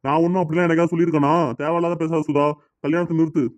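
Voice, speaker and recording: Man doing a protective cartoon dad, Tirunelveli Tamil, raised pitch, very fast, dry sound. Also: level tone, a little mellow, no echo, natural voice. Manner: protective, scolding. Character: protective middle-aged father, quick to scold. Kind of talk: cartoon dialogue.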